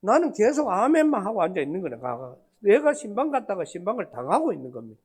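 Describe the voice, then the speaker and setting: A man preaching a revival sermon in a North Gyeongsang Korean accent, his pitch leaping up and down with lively energy. He tells his story dramatically, swinging between hushed asides and loud outbursts, and acts out the quoted dialogue. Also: quick pace, husky. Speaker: pastor.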